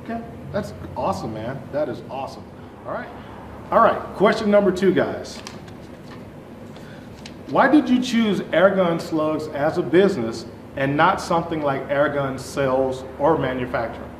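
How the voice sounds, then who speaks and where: A middle-aged male host reads out numbered interview questions in an upbeat way. His voice is a little high. He is recorded by a camera mic in an echoey warehouse, with faint background noise. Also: lively intonation, moderate pace. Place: large warehouse with shelving, indoors.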